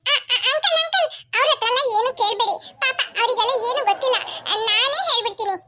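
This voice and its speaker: A woman's voice: very high voice, expressive, fast talker, pushed and bright, dry recording, clean studio sound, heavily acted. A woman voicing a bold, confident little girl in a cartoon who schemes and reassures her friends. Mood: cheeky. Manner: cheeky, confident.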